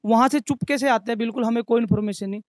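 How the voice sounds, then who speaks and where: A man's voice: very high voice, fairly even intonation, rapid-fire, dry recording, studio quality. A young man, a restaurant manager, earnestly recounting in detail how he and his staff were beaten. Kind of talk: interview testimony.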